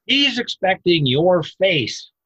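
A fairly high, husky male voice, talking through self-defense moves in an animated, emphatic way with sudden loud exclamations. The sound is dry and a little dull, like lo-fi audio. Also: slow pace, dry recording. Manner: emphatic, animated explaining with bursts of mock shouting. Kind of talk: conversational podcast interview.

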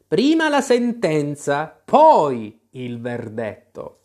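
A man voicing a furious, imperious queen of cards who shouts her orders. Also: a little high, wildly swooping pitch, drawn-out words, heavily acted.

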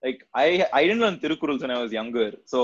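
A man's voice: medium pitch, sing-song, racing, dull audio. A man in his twenties with a Tamil Indian accent, chatting casually and informally as a podcast host. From Chennai, India. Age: 20s. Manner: informal, chatty, sprinkles "like" and local slang.

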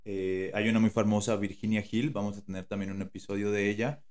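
A man's voice: fairly low pitch, fairly even intonation, fairly quick, a little mellow. A man with a Mexican Spanish accent co-hosting a podcast in casual chat, slangy and rambling, with many fillers and restarts. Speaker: podcast co-host.

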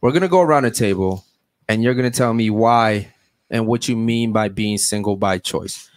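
A young adult man with a lowish voice hosts a podcast at a moderate pace, with no room sound. He questions his guests bluntly and crudely, teasing them in panel-style talk.

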